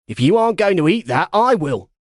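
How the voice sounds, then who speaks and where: A man voicing a hungry young Spartan trainee in an audiobook, eager and quick. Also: sits high, animated, dry recording, studio quality, voice pushed up. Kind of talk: audiobook character voice.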